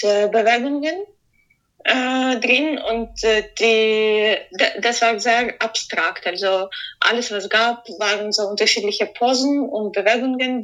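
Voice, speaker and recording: A woman, a composer answering interview questions. She talks hesitantly, searching for words and filling pauses. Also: on the high side, a bit bright, low-quality recording. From Ukraine.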